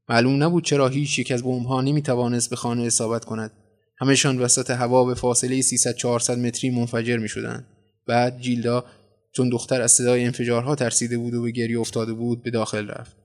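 A man narrating a translated short story in a measured, dramatic storytelling manner. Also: mid-range voice.

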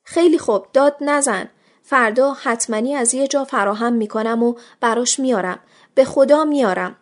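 Female reader doing a frightened poor woman, trembling, pleading, a touch high; audiobook. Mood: flustered pleading. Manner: pleading, flustered. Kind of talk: audiobook reading of a short story.

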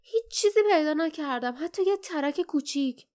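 A fierce young fighter woman with a raised, sharp, insistent voice that pushes each point hard. A woman puts her on while narrating an audiobook. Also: fairly high pitch, close to an everyday voice.

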